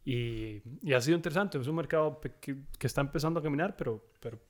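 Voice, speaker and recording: A man's voice: on the high side, fast. Man, Costa Rican accent, thirties, casual guest chat, easygoing storyteller. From Costa Rica. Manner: relaxed, says "mae" constantly, storytelling. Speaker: guest, tequila brand founder.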